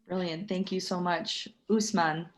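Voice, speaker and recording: Lower-pitched woman moderating a panel. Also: steady tone, measured pace, a little hiss or hum. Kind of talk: informal event moderation.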